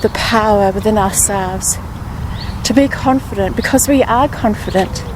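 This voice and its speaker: A woman guiding a grounding meditation, speaking positive affirmations with pauses and repetition. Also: medium pitch, noisy background. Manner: slow, pausing grounding-exercise delivery with repeated affirmations. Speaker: meditation guide.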